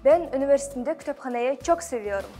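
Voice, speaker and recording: Young student woman, highish mellow voice, presenting over soft music. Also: lively intonation, fast. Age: young adult. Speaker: university student. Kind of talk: prepared presentation.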